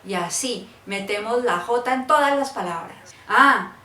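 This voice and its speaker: A Colombian woman with a Cali accent gives an explanatory lesson in a chatty way, asking "¿sí?" to make sure her listeners follow. Her voice is a little high, bright and forceful, expressive and unhurried. The roomy, off-mic recording was made from a distance and carries faint ambience.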